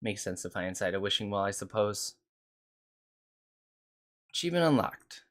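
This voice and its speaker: A man's voice: low-pitched, flat delivery, quick pace, a bit bright. Man in wry game commentary. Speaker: streamer.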